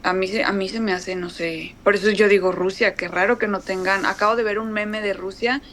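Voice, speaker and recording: A talkative woman with a northern Mexican accent, chatting in a casual conversation. She speaks in an animated, storytelling way with lots of fillers. Faint background noise sits under her voice. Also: mid-range voice, brisk. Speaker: guest.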